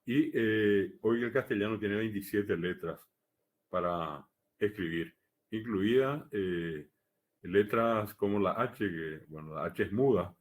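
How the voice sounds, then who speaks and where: A man giving a live academic lecture, measured and explanatory, pausing often on hesitation fillers. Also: fairly low pitch. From Paraguay. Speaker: lecturer on the Guaraní language.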